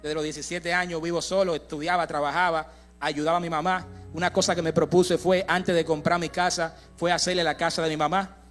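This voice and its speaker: A man's voice: a little high, little pitch movement, brisk, a bit bright, faint music behind. A young man preaching a sermon, telling a personal testimony in a conversational way, with frequent restarts and direct asides to the congregation. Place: church sanctuary.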